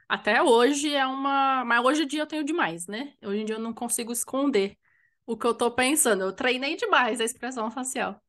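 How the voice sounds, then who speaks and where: Young woman co-host, fairly high voice, casual reflective chat, thinks aloud. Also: fairly bright tone. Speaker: podcast co-host.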